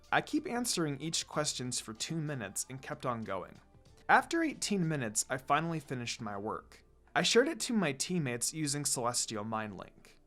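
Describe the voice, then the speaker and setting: Over background music, a man performs a fan-made story as a dramatic first-person narrator. His voice is medium in pitch and fairly bright.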